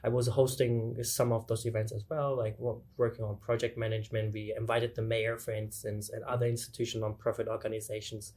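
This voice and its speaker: A man's voice: on the low side, little pitch movement, fairly quick, few pauses, a little mellow. A young man from Germany, a student guest answering in an earnest way and often searching for words. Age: young adult. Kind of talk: casual interview answers.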